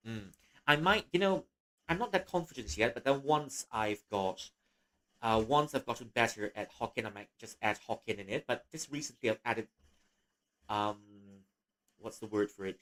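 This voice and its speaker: Chatting casually on a livestream, a young Malaysian man rambles in a fairly low-pitched voice, often restarting his sentences and laughing softly.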